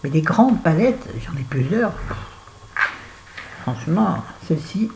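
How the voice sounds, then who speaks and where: A woman's voice: deep voice, expressive, takes it slowly, creaky, background noise. A French woman chatting casually through a make-up tutorial, talking to viewers and to herself as she works. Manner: chatty, talks to herself while working. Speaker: beauty vlogger.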